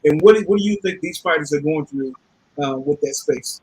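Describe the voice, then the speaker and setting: A man's voice: fairly high pitch, a little fast, a little mellow, husky, low-quality recording. A man hosting a casual boxing panel chat, talking informally and repeating phrases for emphasis. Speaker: host.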